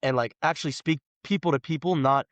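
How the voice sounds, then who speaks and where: This guest on a podcast is a man in his twenties from Los Angeles, United States. His voice leans high and his pace is a little fast as he talks casually, rambling emphatically and saying "like" a lot. The recording carries no room sound.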